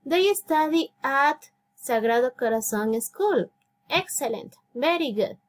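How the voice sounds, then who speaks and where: Slow, high-voiced Ecuadorian woman teaching English. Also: lively intonation. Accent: Spanish-speaking Ecuador. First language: Spanish. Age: 30s. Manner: patient, encouraging, repeats phrases slowly and praises often. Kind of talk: slow, clear classroom instruction.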